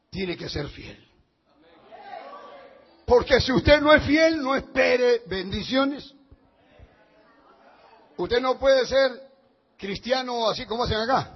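A man's voice: very high-pitched, breathy edge. Man, pastor, fervent sermon, dull lo-fi recording. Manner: fervent, often shouting.

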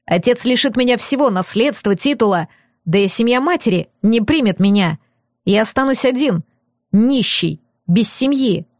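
A woman's voice: fairly high pitch, lively intonation, moderate pace, no room sound, clean studio sound. A woman reading an audiobook and voicing a stern, torn young aristocratic man with firm, clipped, bitter delivery. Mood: harsh. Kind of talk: audiobook character voice.

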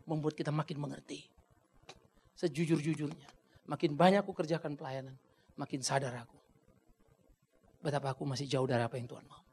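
A man preaching a sermon as pastor, dramatic and blunt, dropping to a hush and then rising to a shout. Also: fairly high pitch, vocal fry. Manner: dramatic, swings from hushed to shouting; colloquial, blunt asides.

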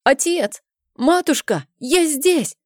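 A woman's voice: sits high, lively intonation, slow, dry recording, pitched above the performer's own voice. A woman voicing a frightened fourteen-year-old boy, a king's son trapped by trolls, pleading close to tears.

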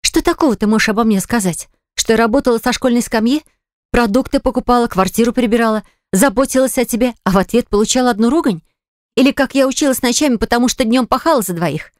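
Audiobook figure: woman reading as an indignant young bride, tense and challenging, raised pitch, clear tone. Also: quick pace, no room sound, clean studio sound, close to an everyday voice. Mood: defiant. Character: young bride, defiant and indignant toward her father.

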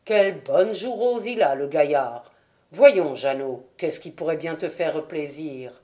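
Brief: woman playing a grave, quiet male detective, pitched down, unhurried. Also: lively intonation. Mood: diplomatic. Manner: measured and low. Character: calm, shrewd male detective.

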